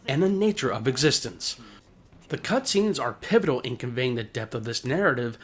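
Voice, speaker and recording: A man narrates a scripted video essay in a medium-pitched voice. His delivery is polished and formal, laying out each point in full sentences.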